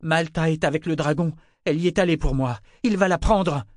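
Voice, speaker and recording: A man voicing a drunk, exhausted grown man who pleads in a slurred, drawn-out way. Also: a little high, darkish tone, no echo, studio quality, pitched above the performer's own voice, natural voice. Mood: desperate.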